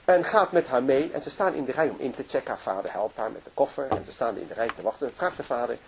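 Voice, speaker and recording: A man's voice: mid-range voice, quick pace, gravelly, a little hiss or hum. A man telling a moving story in a religious lecture, narrating with emotion and frequent restarts. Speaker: religious speaker.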